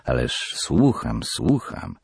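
A man's voice: rumbling low, wildly swooping pitch, takes it slowly, gravelly, husky, dry recording, pitched below the performer's own voice, full character voice. A man voicing a mumbling, distracted rich father. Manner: murmuring, soft. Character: middle-aged father, busy shoe tycoon, distracted and mild.

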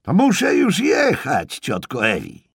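A man voicing a tired, hungover mailman who has to shout back at a deaf old woman, in an audiobook reading. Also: medium pitch, wildly swooping pitch, slow, husky, dry recording, studio quality, voice pushed up, heavily acted. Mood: hurried. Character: weary, hungover middle-aged male mailman forced to shout.

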